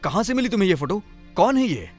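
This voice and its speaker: A man's voice: sits high, very animated, quick pace, soft background music. A man dubbing a grieving, withdrawn widowed painter in a film, speaking in a subdued way. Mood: weary. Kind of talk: Hindi film dub. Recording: loud film score behind.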